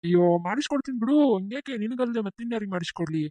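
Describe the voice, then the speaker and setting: A woman with a North Karnataka accent voicing a smug cheating husband who flatters his lover and mocks his wife. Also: fairly high pitch, very fast, dry recording. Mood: smug flattering. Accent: North Karnataka Kannada. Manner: flattering, boastful. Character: smug cheating village husband, sweet-talking and boastful.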